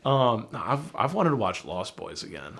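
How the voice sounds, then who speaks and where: Male podcast co-host, lower voice, easygoing casual banter. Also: very animated, normal speed, creaky, fairly bright tone, husky. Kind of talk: casual chat.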